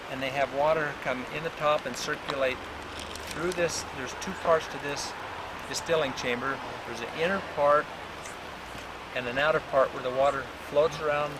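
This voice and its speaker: A man's voice: a little high, steady tone, normal speed. A man on an old VHS home video, explaining a process step by step to a group in a folksy, rambling way, often restarting his sentences. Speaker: teacher of herbal remedies leading a group outdoors. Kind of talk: informal step-by-step spoken instruction. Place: outdoors by a road during a walk. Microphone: camcorder mic at a distance. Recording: hissy old VHS camcorder tape, outdoors. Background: loud outdoor ambience with passing vehicles.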